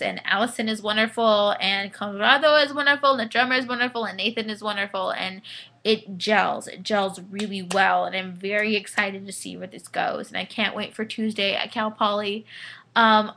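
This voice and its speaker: A woman in her twenties, a little drunk, giving an excitable, rambling spoken review full of fillers and restarts. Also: medium pitch. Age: 20s. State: tipsy. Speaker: vlogger reviewing a concert. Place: indoors at home.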